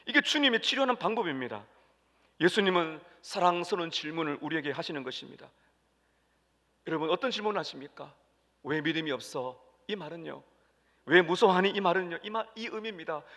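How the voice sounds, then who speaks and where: Impassioned pastor, bright high voice. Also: male voice. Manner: impassioned preaching with sudden loud cries and hushed drops. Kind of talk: sermon. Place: large church sanctuary. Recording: long church hall reverb.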